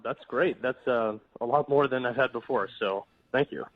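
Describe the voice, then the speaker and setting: A man on a temp job answers the telephone and makes casual conversation, hesitant and polite with occasional stammers. He has a mid-range voice at a moderate pace. The call audio is dry and muffled.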